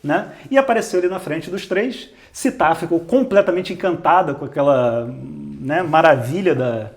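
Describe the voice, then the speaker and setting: Brazilian guy telling a story, joking asides, pretty high voice. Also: moderate pace. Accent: Brazilian Portuguese. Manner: animated, joking, full of asides. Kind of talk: casual comic retelling.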